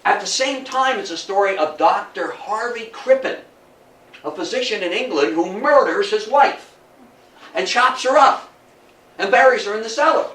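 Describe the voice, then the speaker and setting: His voice high-pitched, expressive and fairly bright at a moderate pace, the older Athens, New York, historian tells stories with emphasis before a small indoor audience. Repeated phrases and rhetorical questions fill the informal lecture, captured by a distant mic in an echoey room with faint noise.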